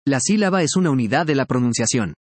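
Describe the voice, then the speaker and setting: A man narrating a scripted language lesson, measured and precise, spelling out syllables slowly. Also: mid-range voice, animated, a little mellow, dry recording. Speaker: language teacher.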